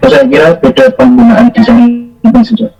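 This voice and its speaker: A male student asks a polite, hesitant question in an online class. His voice is very high and swoops around, with a gravelly edge, and faint music plays behind him. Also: big pitch swings, moderate pace, warm tone, rough recording.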